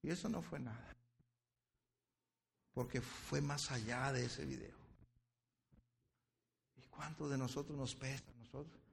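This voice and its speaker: A man's voice: mid-range voice, vocal fry. A male pastor preaching a sermon with impassioned delivery. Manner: impassioned preaching, dwells on words slowly.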